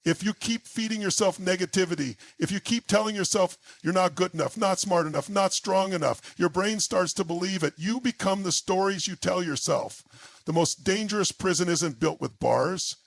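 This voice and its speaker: A man's voice: sits high, normal speed, vocal fry. A man giving an intense motivational speech in short, emphatic, punchy phrases. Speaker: motivational speaker.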